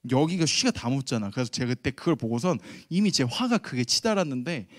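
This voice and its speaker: A man in his thirties preaching a lively sermon to middle schoolers, telling a family story and asking the audience questions. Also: medium pitch, a little fast, no room sound, studio quality. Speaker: youth pastor. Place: church sanctuary.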